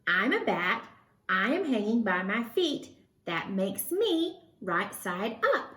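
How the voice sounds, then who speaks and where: A woman voicing an earnest, excitable young female bat in a storybook read-aloud. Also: mid-range voice, takes it slowly, roomy sound, heavily acted. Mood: puzzled, insistent.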